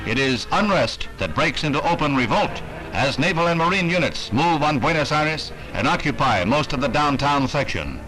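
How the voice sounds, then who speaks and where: A man giving old newsreel narration in a punchy, dramatic announcer's manner, over loud music. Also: fairly high pitch, lively intonation, normal speed, low-quality recording. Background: loud music score.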